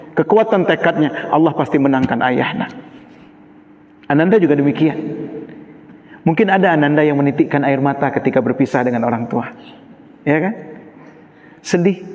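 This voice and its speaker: A middle-aged man preaching a sermon to students, telling emotional personal stories and acting out the voices he quotes. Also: mid-range voice. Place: large mosque hall. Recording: echoey mosque hall, muffled recording.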